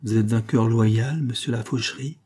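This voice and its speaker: A man's voice: mid-range voice, fairly even intonation, normal speed, dark tone, lightly acted. A man reading the lines of a proud young woman who firmly turns away a suitor, in a restrained, firm voice.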